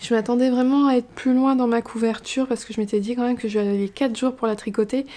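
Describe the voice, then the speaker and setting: A woman's voice: fairly high pitch, level tone, a little fast. A woman chatting casually about her knitting projects, rambling with fillers and restarts. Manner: hushed, half-whispered talk. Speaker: knitting vlogger. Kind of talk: casual chat.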